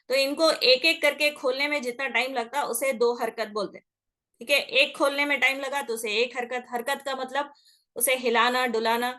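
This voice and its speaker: A woman's voice: sits high, a bit bright. A woman teaching Quran recitation rules in a patient lesson, checking in often and stretching sounds out to demonstrate. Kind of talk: explanatory classroom lesson.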